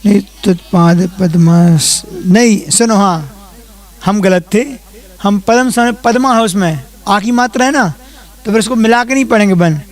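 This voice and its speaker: Man, monk teaching a verse class, high voice, slow measured recitation, quick explanatory asides. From India.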